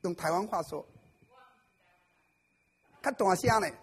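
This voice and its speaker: Unhurried and high-voiced, with a slightly rough edge, a pastor preaches to a congregation gathered for a church service. He keeps things light, cracking jokes and quizzing the people listening.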